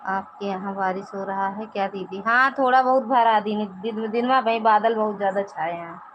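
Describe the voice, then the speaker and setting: A woman's voice: mid-range voice, moderate pace, highs cut off, slight background noise. A woman with an Awadhi accent chatting casually on a live stream, reading out viewers' comments and teasing them. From Pratapgarh, Uttar Pradesh, India.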